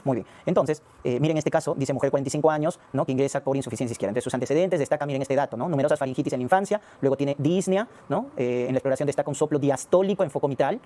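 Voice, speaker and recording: A man teaching a medical class in a very rapid stream of explanation. His voice sits in a middle register with a mellow, dark tone. He keeps checking in with his students through rhetorical questions. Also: medium pitch. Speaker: medical lecturer. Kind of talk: recorded medical lecture.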